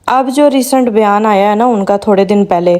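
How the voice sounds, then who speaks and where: A woman's voice: medium pitch, a little mellow. A woman vlogger giving casual commentary, talking straight to her viewers in a chatty way. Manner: chatty, addresses viewers directly.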